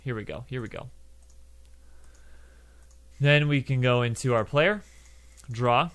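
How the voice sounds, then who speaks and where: A man's voice: mid-range voice, slow pace, a bit bright, clear, resonant tone. Young man, casual coding tutorial, chatty and loose, keyboard clicks behind. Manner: loose and chatty, lots of fillers, plays laser noises. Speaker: game development tutorial host.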